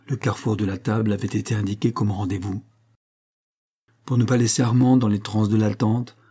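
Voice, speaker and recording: A man narrating a nineteenth-century novel as an audiobook in a measured, even storytelling manner. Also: on the low side, breathy edge. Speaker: audiobook reader.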